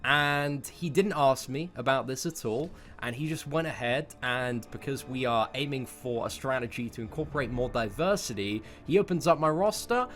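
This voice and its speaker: Faint music plays behind a YouTube content creator in his twenties as he tells viewers a personal anecdote at normal speed with hardly any pauses. His voice is medium-pitched and fairly bright, and his delivery is informal, rambling, sweary, and full of emphatic repetition.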